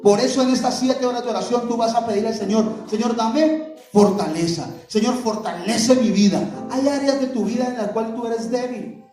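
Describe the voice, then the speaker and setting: A man's voice: extremely high pitch, moderate pace, warm tone. A man preaching a sermon as pastor, asking the congregation questions and having them answer back. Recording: echoey hall, voice from far off, music behind.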